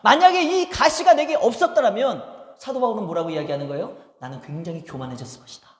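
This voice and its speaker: A man preaching in an unusually high voice, rising to loud emphatic peaks and dropping to near-murmurs. His words ring out with a long echo through a large church sanctuary, the sound bouncing off the walls. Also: expressive, fast. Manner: dynamic preaching, acting out quoted prayers and complaints. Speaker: pastor. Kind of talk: sermon. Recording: echoey church hall with long reverb.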